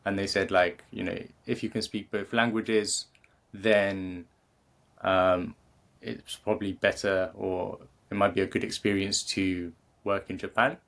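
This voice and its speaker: This British man from England, in his thirties, appears as a creativity coach guesting on a casual interview. His very low, creaky voice is flat yet fairly bright, and he speaks at a measured pace, hesitating with many fillers and restarts.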